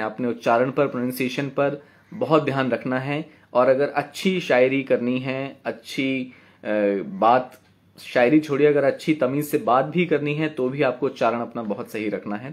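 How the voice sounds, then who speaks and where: A man teaching a poetry writing class, patiently repeating words slowly to count their syllables and checking in with his students. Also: medium pitch. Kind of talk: online class lecture.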